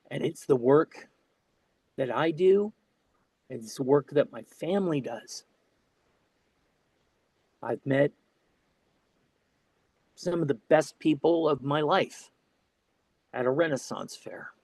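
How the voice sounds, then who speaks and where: Man, choked up, halting storytelling, very slow pace, dry close recording. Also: fairly high pitch, darkish tone, breathy edge, no echo. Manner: slow, halting, with many restarts. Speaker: Renaissance fair performer. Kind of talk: emotional storytelling interview.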